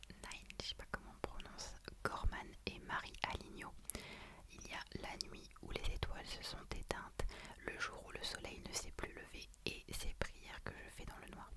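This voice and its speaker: A woman doing ASMR in a soft, breathy library whisper, talking about books and reading out blurbs. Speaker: ASMR creator.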